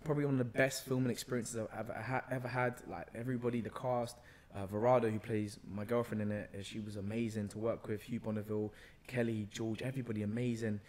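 Speaking fast with few pauses, a young London actor delivers his casual podcast stories in a low-ish, flat, darkish voice. He is seated on a sofa in a bright indoor space, recorded by a close boom-arm microphone.

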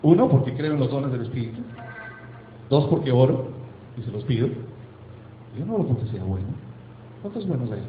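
A man preaching as pastor, emphatic, asking rhetorical questions and slowing down for effect. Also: mid-range voice, expressive, reverberant, phone-quality sound, a little hiss or hum. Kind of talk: sermon. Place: church sanctuary.

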